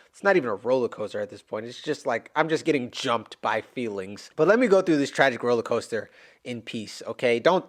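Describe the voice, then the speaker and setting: A man giving casual reaction commentary to a stage musical, animated, emotional and exclamatory, rambling as he talks. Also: medium pitch.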